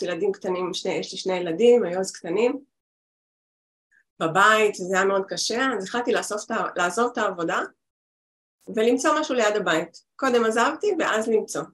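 Brief: woman in her forties, guest healer, chatty rambling talk over a video call. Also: mid-range voice.

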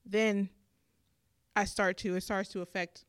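A woman's voice: medium pitch, flat delivery, unhurried, smooth, no echo. Woman talking things over, earnest and thoughtful, dry close sound. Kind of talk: casual chat.

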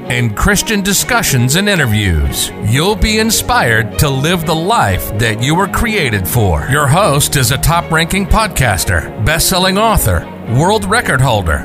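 A man reading a scripted podcast intro in an upbeat, promotional way. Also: fairly high pitch. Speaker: show announcer.

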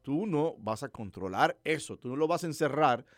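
A man's voice: a little high, normal speed, no echo, studio quality. A man preaching a conversational sermon, telling stories and putting questions to his listeners. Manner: animated storytelling preacher, asks listeners questions.

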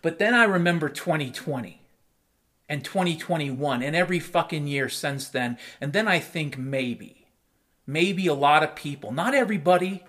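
A man's voice: on the high side, expressive, moderate pace, fairly bright tone. A middle-aged man delivering a blunt, profane monologue as a talk host, repeating phrases for emphasis. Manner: emphatic repetition for effect. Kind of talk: ranting monologue.

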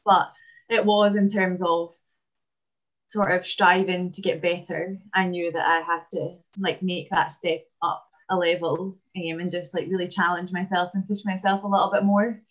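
Scottish woman, chatty, slightly low voice. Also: flat delivery, lo-fi sound. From Scotland. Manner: chatty, frequent "um" pauses. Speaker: interviewee, basketball player and dentist. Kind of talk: casual interview.

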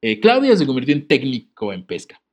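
Against a noisy background, a medium-pitched man co-hosting a podcast reads a letter a little fast, his pitch swinging hugely. He jokes, laughs often and interrupts the reading with comic asides.

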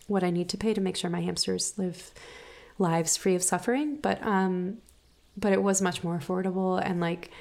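A woman chatting casually about her own life in a halting, thinking-aloud way, with mouse clicks behind her. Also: on the low side, gravelly, darkish tone. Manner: halting, thinking aloud with frequent "like" and trailing restarts. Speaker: hamster owner and podcast or vlog host. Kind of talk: casual personal chat, rambling.

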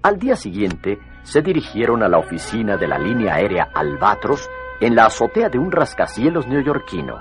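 Male storyteller, scripted narration, low pitch, expressive intonation, music behind. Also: moderate pace.

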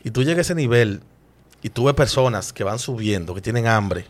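A man, a chef guest in an interview, telling stories in an animated and emotional way with frequent restarts. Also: mid-range voice, a little fast. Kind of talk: casual interview storytelling.

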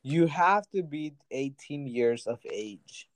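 A twenty-one-year-old man, clearly drunk, in loose casual chat. He laughs a lot, swears freely and rambles through his points at a medium pitch. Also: expressive, takes it slowly, no room sound, low-quality recording. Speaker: podcast host.

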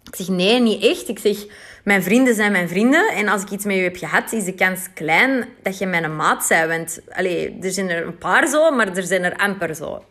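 A woman's voice: mid-range voice, lively intonation, moderate pace, a bit bright. A Flemish woman in her thirties from Belgium, chatting animatedly to her viewers in a casual storytime, with asides to them. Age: 30s. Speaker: vlogger telling a dating story.

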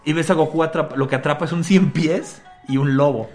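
Over soft background music, a podcast co-host with a slightly high, darkish voice talks a little fast as he recaps an anime. He chats casually and laughs often while retelling the story, trailing off and starting over.

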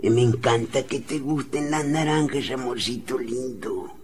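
A man's voice: medium pitch, a little slow, over loud music, natural voice. A man voicing a lecherous old man who sweet-talks a young woman in a comic radio drama. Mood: wooing. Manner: sweet-talking, then blustering.

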